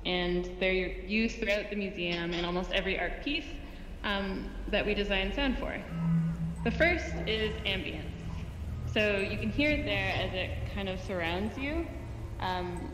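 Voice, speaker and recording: A woman sound designer giving a presentation, explaining calmly with the occasional filler. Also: medium pitch, background noise. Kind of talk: presentation talk. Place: virtual museum space. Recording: roomy reverberant space with faint ambience.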